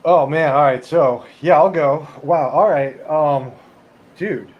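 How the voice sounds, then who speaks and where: A man's voice: on the high side, slow, highs cut off. A man co-hosting a podcast, talking in a hesitant, rambling way. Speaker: podcast co-host. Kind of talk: casual chat.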